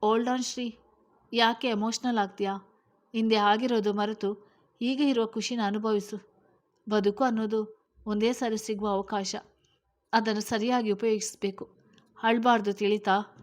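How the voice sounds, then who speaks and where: A woman's voice: fairly high pitch, fairly even intonation, unhurried, pauses often, lightly acted. A woman voicing a young woman giving kind advice in a read-aloud story. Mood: advising. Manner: advising. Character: young woman Prajna, advising kindly.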